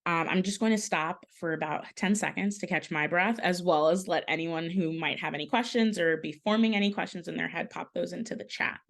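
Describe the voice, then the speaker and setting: A woman presenting an online advocacy training in a slightly low voice. She explains step by step in a conversational way, using frequent fillers and correcting herself as she goes. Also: brisk, hardly any pauses.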